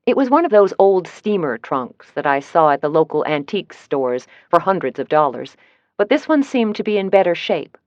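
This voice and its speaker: A woman narrating a first-person audiobook in a steady, measured reading voice. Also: lowish voice, dry recording, highs cut off.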